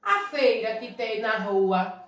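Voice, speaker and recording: A Brazilian schoolteacher talks young children through a review, slowly and patiently. She drags words out syllable by syllable and keeps asking if they follow. Her voice sits a little high and bounces around a reverberant room. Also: fairly bright tone. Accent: Brazilian Portuguese. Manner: speaks of herself as "tia", many tag questions like "né?" and "certo?"; drawn-out syllables when modelling words. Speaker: primary school teacher. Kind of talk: slow, simple review lesson for young children.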